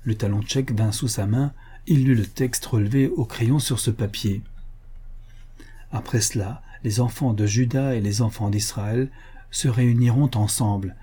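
A man narrating an audiobook in a steady, even reading voice. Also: medium pitch, moderate pace, husky.

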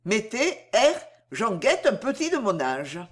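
A woman puts on a grumpy gentleman, impatient and easily embarrassed, in a storybook reading. He grumbles in short, clipped phrases with an animated melody. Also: a little high, a little slow. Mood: grumbling impatient.

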